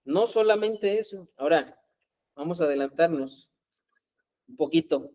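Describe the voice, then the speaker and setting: A man's voice: fairly high pitch, expressive, measured pace, a little mellow, poor audio. A man preaching a sermon as pastor, talking conversationally and often asking his congregation rhetorical questions.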